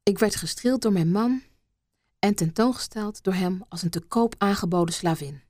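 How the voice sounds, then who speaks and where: Hushed woman reading an erotic story. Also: mid-range voice, normal speed, no room sound, studio quality. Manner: soft, hushed, slipping into whispers. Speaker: narrator.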